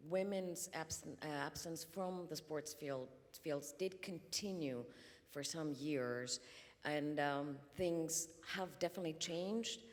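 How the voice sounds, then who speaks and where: A Greek woman with a low voice speaks as a conference panelist, measured in pace and peppered with ums and uhs. A large hall's long reverb trails each of her phrases.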